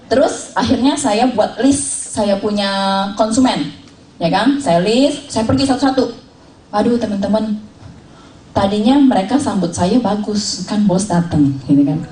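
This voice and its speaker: A woman, an insurance agent telling her story in a lively way, acting out dialogue and laughing often. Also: mid-range voice, unhurried. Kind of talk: animated personal storytelling. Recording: roomy room, distant mic.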